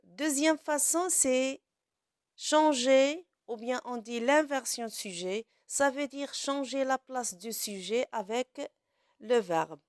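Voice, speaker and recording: A woman's voice: high-pitched, slow, no room sound, clean studio sound. A woman teaching a grammar lesson to her pupils, asking questions and then answering them herself.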